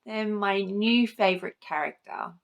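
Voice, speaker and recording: Speaking at an unhurried pace, this book vlogger has a gravelly, mid-range voice. She chats to her camera for a book tag video, loose and sweary, enthusing about favorite things.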